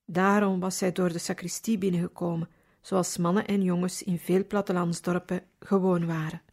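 A woman reading a religious story aloud in calm, measured scripted narration. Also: fairly low pitch, creaky. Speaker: audiobook reader.

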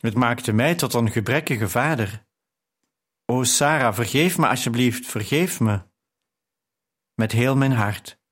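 A remorseful father, a moody writer, voiced by a male narrator in an audiobook. His words come slowly and gently, at a middle pitch. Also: lightly acted. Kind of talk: audiobook character reading.

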